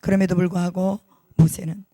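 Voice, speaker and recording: Pastor, male, fairly high voice, dry close sound, emphatic sermon delivery with repeated words and rhetorical questions. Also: level tone, fairly quick, dark tone, dry recording. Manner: repeats key words for stress.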